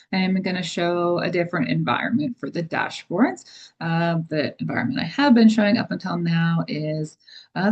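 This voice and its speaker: A woman presenting software in a webinar, explaining features casually with many fillers. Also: on the low side, creaky. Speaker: product presenter. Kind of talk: webinar demo and Q&A.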